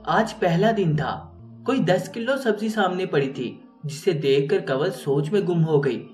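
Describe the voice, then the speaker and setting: A man narrating a moral story in an earnest, moralizing way. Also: a little high. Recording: roomy, distant mic, faint music.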